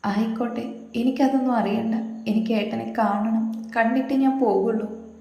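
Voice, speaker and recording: A tearful, desperate young woman, read by a woman narrator, pleading in a low, hushed voice. Her voice is slightly raised and echoes through a resonant room. It belongs to a storybook reading. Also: steady tone, measured pace, vocal fry, soft background music.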